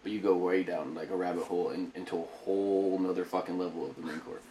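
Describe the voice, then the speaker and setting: A man from Idaho talks fast and a little low, telling his story as a podcast guest. He swears freely and acts out the people he quotes. The room is echoey, with a faint noise behind him. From Idaho, United States. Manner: profane, animated storyteller who acts out quotes. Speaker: podcast guest, former Marine. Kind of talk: casual interview storytelling.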